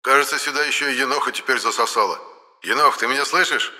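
A man's voice: medium pitch, fast, pushed and bright, in a large hall, voice pushed up. A man voicing a hysterical male ghost trapped inside a doll, whining and shrieking in an audiobook. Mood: sulky. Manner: shrieking, whiny. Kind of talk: audiobook character voice.

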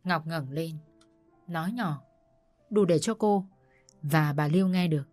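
Casting: woman narrator, lowish voice, steady storybook reading over soft music. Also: a little slow. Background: faint music.

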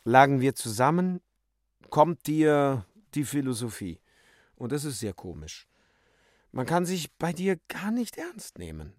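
A man's voice: mid-range voice, sing-song, unhurried, no room sound, clean studio sound. A man reading a reproachful, ironic woman. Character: complaining woman, teasing her lover. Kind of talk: radio drama reading.

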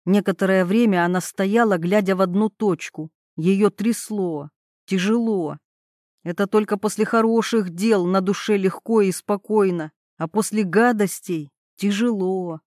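Woman reading a novel aloud, even pace, close mic, dead dry. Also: mid-range voice, a little slow, no echo. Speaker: audiobook narrator. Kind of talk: scripted narration.

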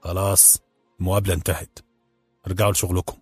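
A man voices an impatient, powerful Egyptian ruler who speaks curtly and dismissively. The voice is low and husky, with faint music underneath. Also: level tone, fast, a little mellow, dry recording. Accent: Egyptian Arabic. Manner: curt, dismissive.

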